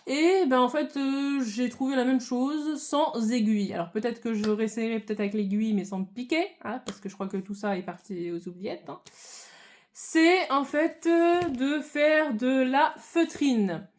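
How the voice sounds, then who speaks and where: A woman's voice: high-pitched, moderate pace, a little mellow. A woman vlogging about her crafts, chatting casually to viewers with many hesitations and restarts. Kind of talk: casual hobby chat to viewers.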